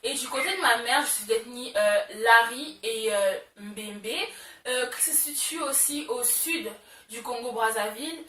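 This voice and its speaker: A woman's voice: fairly high pitch, a little slow, a bit bright. A young woman talking casually to her camera as a beauty vlogger, chatty, with lots of fillers and repeated words for emphasis. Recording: roomy echo, a bit far from mic.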